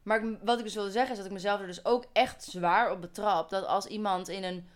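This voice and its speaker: A young woman from Holland co-hosting a relaxed podcast. She talks things through out loud, drifting into side explanations and correcting herself as she goes. Her voice sits at a middle pitch for a woman. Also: a little fast. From Holland, Netherlands. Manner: explanatory, thinks aloud, goes on tangents. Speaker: podcast co-host. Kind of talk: casual chat.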